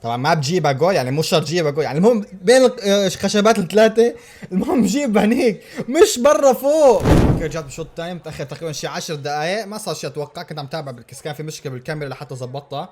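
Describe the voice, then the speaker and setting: Male football reactor, pitched high, loud repeated exclamations. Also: rapid-fire, a little hiss or hum. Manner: excitable, exclaiming and repeating himself. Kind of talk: live match reaction.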